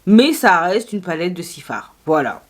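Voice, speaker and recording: A woman's voice: on the low side, big pitch swings, moderate pace. A woman chatting through a makeup haul video, playful and self-mocking, talking straight to her viewers. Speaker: beauty YouTuber.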